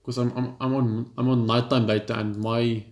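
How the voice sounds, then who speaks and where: A gaming channel host reads a visual novel's text aloud, chatting between passages in a casual, stumbling way with an occasional offhand swear. He speaks at a normal speed in a level, medium-pitched voice that is a little mellow, and the room sounds echoey.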